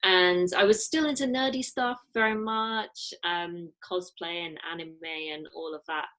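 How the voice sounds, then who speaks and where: A woman's voice: on the low side, steady tone, unhurried, a bit bright. A young English woman with an English accent, a guest telling stories animatedly and acting out her own past thoughts. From England. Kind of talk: casual interview.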